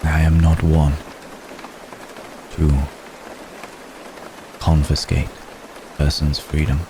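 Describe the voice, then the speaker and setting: Steady rain falls audibly behind this intimate romantic ASMR roleplay, where a man portrays an age-old vampire gentleman in an exaggerated, extremely deep murmur. Protective and world-weary, he stays tender and reassuring, his formal phrasing flat, measured and broken by long, gentle pauses.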